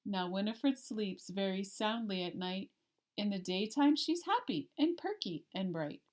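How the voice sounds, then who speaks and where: In a teacherly manner, a woman who teaches elementary art reads a kids' picture book aloud. Her medium-pitched voice is deliberate and expressive, leaning into each rhyme.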